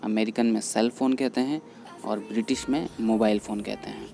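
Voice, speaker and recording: A man explaining English vocabulary in Hindi, patiently repeating each word slowly. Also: fairly low pitch, fairly even intonation, creaky, dark tone. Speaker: English teacher. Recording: faint background music under voice. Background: faint background music.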